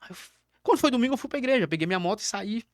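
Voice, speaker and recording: A man's voice: sits high, expressive, racing, no room sound, clean studio sound. A middle-aged Brazilian man, a pastor, giving an emotional personal testimony, dramatic and repetitive as he acts out the dialogue. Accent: Brazilian Portuguese. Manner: dramatic storyteller, repeats words, acts out dialogue. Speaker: pastor, podcast guest.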